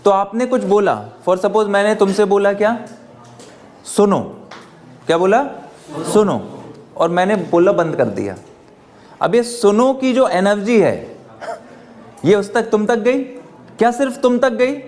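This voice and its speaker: A man's voice: high-pitched, expressive, a little slow, long pauses, darkish tone. A man teaching a class. He keeps asking the students questions and answering them himself, and mixes English phrases into his talk. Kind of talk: classroom lecture.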